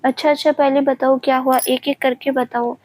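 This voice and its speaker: A woman's voice: high-pitched, little pitch movement, normal speed, a little mellow. A woman voicing an anxious, protective mother who keeps asking questions. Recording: dull lo-fi recording.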